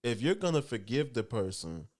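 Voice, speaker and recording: A man's voice: mid-range voice, very animated, moderate pace, a little mellow. A man in his late twenties co-hosting a podcast, chatting casually in a laid-back, reflective way. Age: 20s. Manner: laid-back, reflective, many "yeah"s and "you know"s. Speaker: podcast co-host. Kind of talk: casual chat.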